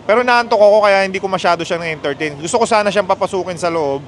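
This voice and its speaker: A man hosting a casual outdoor chat, telling a story in an animated, chatty way. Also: high voice, quick pace. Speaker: motorcycle club host.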